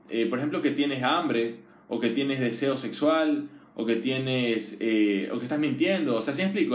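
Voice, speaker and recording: A man at a middle pitch gives a relaxed, informal one-on-one lesson, talking directly to a single listener. He keeps asking whether he is being understood and often restarts his sentences. The room around him echoes noticeably. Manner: conversational, checks understanding often; frequent fillers and restarts. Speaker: teacher. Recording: roomy echo.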